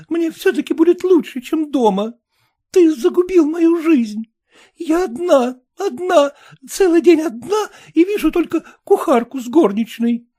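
A woman voicing a young tearful wife in a storybook reading, sobbing and accusing. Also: warm tone. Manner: sobbing, accusing, high-strung. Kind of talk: audiobook reading.

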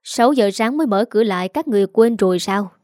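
A bitter, stubborn old mother who snaps in short, icy lines, as a woman reads her part. Her voice sits warm and mellow at a middle pitch. The sound is dry and close. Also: expressive, fast, no room sound, natural voice. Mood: cold. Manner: curt and icy. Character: cold, stubborn elderly mother who lost her savings.

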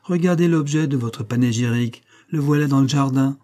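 Un homme jouant une jeune femme fière et moqueuse. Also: male voice, mid-range voice, moderate pace, mellow, lightly acted. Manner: ironique, railleuse.

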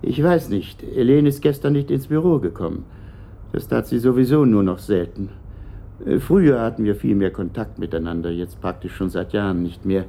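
In a German radio play, an actor portrays a bitter, uneasy middle-aged company director who answers questions haltingly. His male voice is fairly low, gravelly, and warm, and he sounds guarded, hesitant, and evasive.

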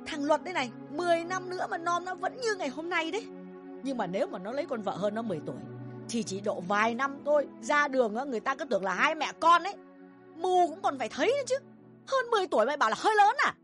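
A bossy middle-aged mother in an audio drama, her high voice leaping up and down as she berates her son in fast tirades, a woman acting her out. The scolding never lets up. Faint music plays underneath. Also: very animated. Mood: furious. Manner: shrill, bossy, rapid tirades.

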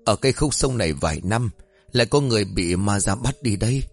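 A man voicing a frail, superstitious old grandmother in her seventies, who speaks in a weak, slow, whispery voice. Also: lowish voice, expressive, gravelly, breathy edge, soft background music, full character voice. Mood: fretful.

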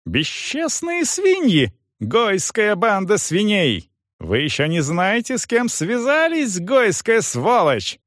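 A man's voice: wildly swooping pitch, slow pace, a bit bright, no echo, clean studio sound, heavily acted. A man voicing a hot-headed young man who shrieks and rages in an audiobook. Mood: shrieking rage. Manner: shrill, screaming, outraged.

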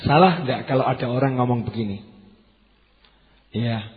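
Male preacher, Javanese accent, quiet restrained delivery, dull lo-fi hall recording. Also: mid-range voice, normal speed. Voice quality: softened, quiet voice. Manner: questions the audience, mixes local words. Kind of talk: sermon.

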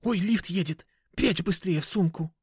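Man doing a hissing middle-aged woman dealer, hushed whisper, high pitch, snappish and nervous, dry close sound. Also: normal speed, husky, no echo. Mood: nervous snapping. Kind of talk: audiobook character voice.

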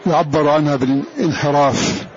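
A man teaching a lesson on Quran recitation in a deliberate lecture style, repeating each term for his students. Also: on the high side, fairly even intonation. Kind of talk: classroom lecture. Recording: dull lo-fi recording with faint hiss.

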